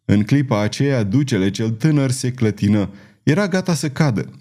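A man narrating a novel in a dramatic, measured reading. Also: medium pitch, lively intonation, warm tone. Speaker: audiobook narrator. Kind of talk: scripted narration.

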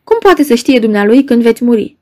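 A woman's voice: a little high, expressive, mellow, natural voice. A woman reading aloud, voicing a proud male professor who speaks in a dry, short, commanding way. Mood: curt. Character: curt, proud middle-aged male professor, doctor.

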